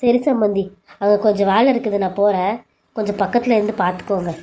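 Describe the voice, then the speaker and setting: A woman's voice: medium pitch, steady tone, fast talker, natural voice. A woman playing a gracious mother-in-law. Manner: warm reassuring talk to in-laws.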